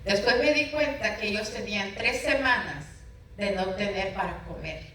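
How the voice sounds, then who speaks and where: A woman's voice: medium pitch, lively intonation, normal speed, a bit bright, slight background noise. A middle-aged woman pastor telling her personal testimony in an interview, emotional and storytelling, acting out remembered conversations. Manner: emotional, storytelling with dramatic retold dialogue. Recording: very echoey room, voice from far off.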